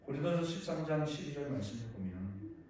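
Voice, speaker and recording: A male pastor preaching earnestly in a church sanctuary, swinging between loud exclamation and quiet reflection. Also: mid-range voice, lively intonation, brisk, a little hiss or hum. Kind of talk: sermon. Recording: echoey hall, distant mic.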